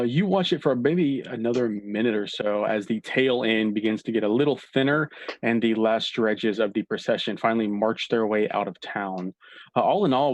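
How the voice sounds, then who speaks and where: A man's voice: fairly low pitch, no echo, muffled recording. Man narrating as game master.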